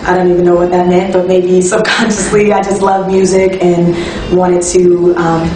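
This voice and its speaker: A young woman, a singer-songwriter talking casually in an interview, relaxed and reflective with frequent ums and restarts. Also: fairly low pitch, moderate pace. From Toronto, Canada. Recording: echoey room, distant mic, music behind.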